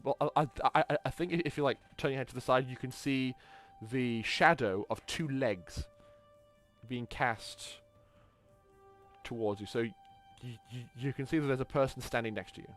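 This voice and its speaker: A man's voice: medium pitch, moderate pace, faint music behind. A man narrating as game master, often stumbling and restarting his words. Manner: stammering, frequent restarts.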